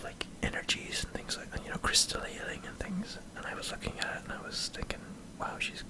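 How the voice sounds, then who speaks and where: An Irish man in a hesitant, self-deprecating ASMR ramble, speaking in a breathy whisper close to the microphone. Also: quick pace, low-quality recording. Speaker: ASMR video creator. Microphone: close microphone in front of a camera.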